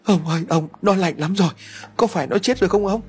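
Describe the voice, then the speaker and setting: A man voicing a fussy, quick-tempered village mother who wails and scolds. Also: mid-range voice, sing-song, breathy edge. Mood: panicked. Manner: scolding, wailing, cursing.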